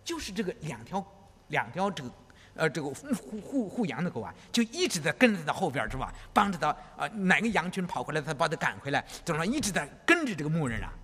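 Husky-voiced pastor preaching in an echoing hall. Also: male voice, a little high, fast talker. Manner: animated, repeats phrases, asks "you know?". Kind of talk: sermon.

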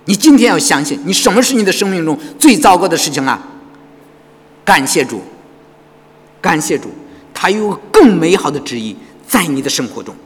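A man delivers a sermon in a church hall, his voice high and swinging widely in pitch. His tone is a little husky, and the long reverb of the hall trails after every phrase. He keeps turning to the congregation with rhetorical questions. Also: moderate pace, long pauses. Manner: animated preaching with frequent rhetorical questions to the congregation. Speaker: pastor.

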